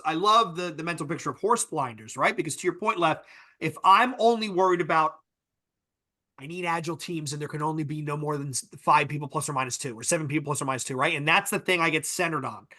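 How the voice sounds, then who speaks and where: A podcast co-host with a bright, slightly raised voice talks through ideas in a loose, explanatory way. He keeps tagging his points with "right?" as he builds them out. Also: on the high side, brisk. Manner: thoughtful, explanatory, repeats "right?". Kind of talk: casual discussion.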